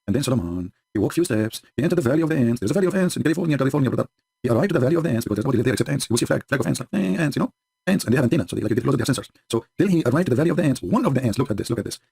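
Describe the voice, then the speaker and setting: A man's voice: mid-range voice, expressive, rapid-fire, gravelly, darkish tone, a little hiss or hum. A man whose first language is not English, hosting a livestream and mocking his opponents sarcastically, with frequent laughs and broken English. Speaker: host.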